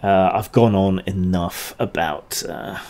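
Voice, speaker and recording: A man hosting a casual livestream Q&A. His voice sits fairly low, and he meanders through answers with frequent ums and a dry, offhand humour. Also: fairly even intonation, takes it slowly, a little mellow. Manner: rambling, hesitant with many ums, dry asides. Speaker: channel host answering chat questions.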